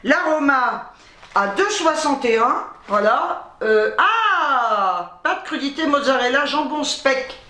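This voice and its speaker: A middle-aged woman chats to her viewers in a quick, self-mocking way, often tripping over her words. Her voice sits a little high. The sound is roomy and echoey, as if recorded in a bare room at home. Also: expressive, sharp tone. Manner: chatty, self-mocking, talks fast and stumbles over words. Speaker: vlogger showing a grocery haul. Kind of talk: casual chat to camera.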